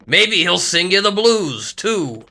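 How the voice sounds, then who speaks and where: A man puts on a sour, sarcastic male crewman. The voice sits higher and louder than the man's own and lands its jabs dryly. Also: sing-song, slow, exaggerated voice. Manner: sarcastic, dry.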